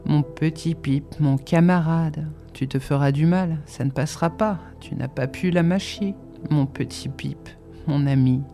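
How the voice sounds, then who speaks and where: A reader voicing Joe, a gentle, earnest blacksmith who talks in a slow, solemn, confidential way, in an audiobook. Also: mid-range voice, faint music behind, close to an everyday voice. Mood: earnest concern. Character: gentle simple blacksmith man, kindly, earnest.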